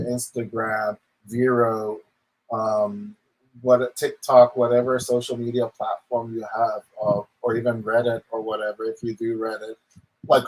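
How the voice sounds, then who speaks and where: A man's voice: medium pitch, a little mellow, rough recording. Casual male online commentator, rambling opinion rant peppered with verbal tics.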